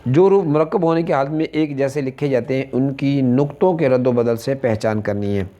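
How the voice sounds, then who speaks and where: Slow pakistani urdu accent guy teaching quran letters, dark mellow voice, names each letter one by one. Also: mid-range voice, lo-fi sound. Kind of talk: religious lesson with Arabic recitation.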